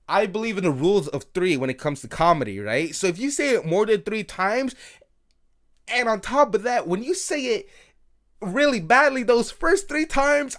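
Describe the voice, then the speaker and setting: A young man rambles through a story late at night, swearing freely and checking in with "right?" again and again. His voice sits a little high for a man and swings widely in pitch. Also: a bit bright. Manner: rambling and profane, heavy filler "like" and "right?". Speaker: vlogger.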